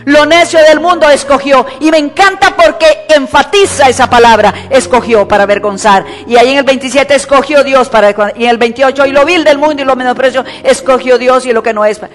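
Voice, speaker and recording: A woman's voice: sits high, a little fast, hardly any pauses. A woman preacher, delivering an emphatic sermon and repeating key words for stress. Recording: echoey church hall with faint music.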